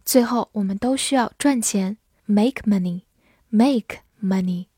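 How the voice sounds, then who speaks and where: A woman teaching English vocabulary, spelling words letter by letter and reading example sentences slowly. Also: medium pitch, warm tone, husky, no room sound, clean studio sound. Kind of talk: vocabulary lesson.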